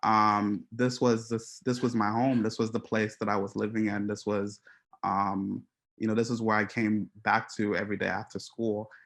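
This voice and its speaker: A man from Haiti gives an artist talk to an audience, walking through his photographs. His voice sits low and stays fairly level in pitch. He speaks haltingly and reflectively, with frequent ums and restarts. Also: level tone, creaky, a bit bright. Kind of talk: presenting slides to an audience.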